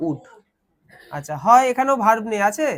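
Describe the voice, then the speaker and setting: A man's voice: very high-pitched, big pitch swings, normal speed. A man teaching a grammar lesson in a classroom, explaining step by step and quizzing his students as he goes.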